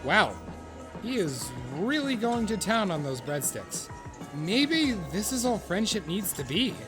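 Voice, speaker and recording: Wry and musing, a man takes his time narrating a comic audio drama as an earnest, excitable storyteller of an awkward would-be friend. His fairly high voice rises and falls widely with theatrical, mock-solemn gravity in scripted second-person narration with comic profanity. Soft music plays in the background.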